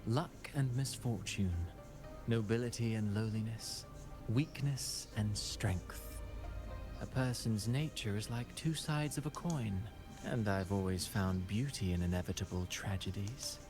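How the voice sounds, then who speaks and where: A man's voice: fairly low pitch, a little slow, natural voice. Man acting a scheming male conspirator, suave, cold, theatrical, courtly, video game drama, music underneath. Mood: smooth, sinister. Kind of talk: scripted video game dialogue.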